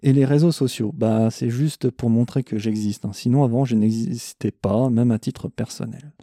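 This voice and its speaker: A man talks straight into a close microphone with no room sound at all. His voice is deeply dark and mellow. He answers listener questions about his metal podcast bluntly and with plenty of swearing. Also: steady tone, normal speed, no room sound. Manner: blunt, irreverent, swears freely. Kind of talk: casual monologue answering questions.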